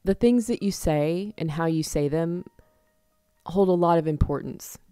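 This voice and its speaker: Low, warm-voiced woman reading tarot. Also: clean tone, no echo, faint music behind. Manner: chatty, laughs often, acts out quick examples. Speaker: tarot reader. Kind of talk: casual tarot reading to camera.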